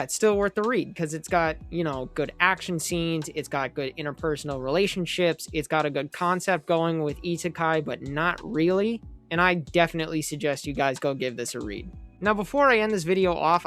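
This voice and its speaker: A young man in a casual review vlog, his voice sitting a bit high. He rambles with animated asides and throws in quick questions to the viewer. Faint background music plays under his talk. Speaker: manga reviewer.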